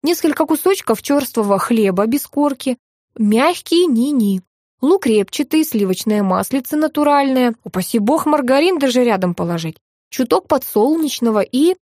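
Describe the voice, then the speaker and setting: Voiced by a woman narrator, a fussy middle-aged hostess spills her sugary, breathless gush in a raised, lively voice. Every dish gets a cooing pet name. The sound is close and dry, with no room around it. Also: high voice, normal speed, dry recording, pitched above the performer's own voice. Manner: sugary, breathless, full of pet-form words.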